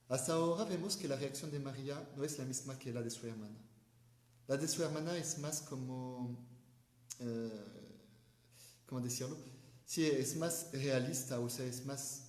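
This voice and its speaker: A man, a religious brother, giving an informal Bible commentary in a thoughtful, hesitant way, often pausing and restarting to find his words. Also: mid-range voice, darkish tone. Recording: echoey room.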